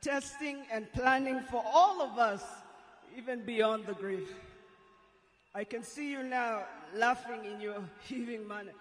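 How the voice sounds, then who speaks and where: A woman with a Kenyan accent delivering a solemn, emotional eulogy as a tearful goodbye, measured and deliberate with long pauses. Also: on the high side. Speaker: eulogist, daughter of the deceased. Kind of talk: solemn funeral eulogy speech. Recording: echoey public address, faint noise.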